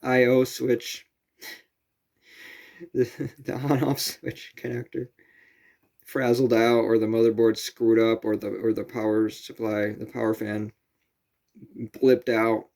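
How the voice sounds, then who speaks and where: A man's voice: medium pitch, level tone, takes it slowly, creaky, long pauses, a little mellow. A man vlogging casually outdoors at night near a camper, rambling and correcting himself as he goes.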